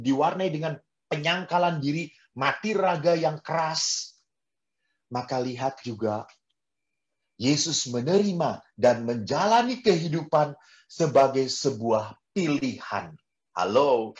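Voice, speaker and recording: Expressive male priest preaching. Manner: expressive, wide swings in pitch and loudness; drops in English phrases. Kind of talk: sermon to a prayer group.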